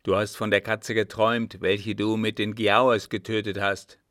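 Man voicing a loud, harsh desert sheik. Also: on the low side, little pitch movement, moderate pace, no room sound, studio quality, natural voice. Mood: angry, scornful. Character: proud angry male desert sheik, threatening.

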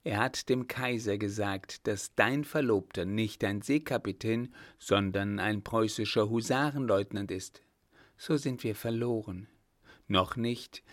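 A man's voice: fairly low pitch, dry recording, studio quality, lightly acted. A man reading an audiobook voices an earnest young hussar lieutenant in a near-normal voice.

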